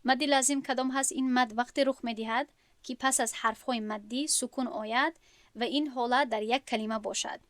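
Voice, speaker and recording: A woman gives a recorded lesson on Quran recitation. Her voice sits fairly high, and it sounds dry and close with almost no room around it. She works through each point patiently and restates things in other words. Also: steady tone, no echo. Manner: patient, explains step by step and rephrases often.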